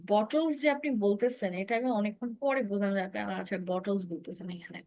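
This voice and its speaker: A woman's voice: medium pitch, expressive, fast, a little mellow, poor audio. A woman teacher giving direct, corrective feedback on a student's English speaking in an online class.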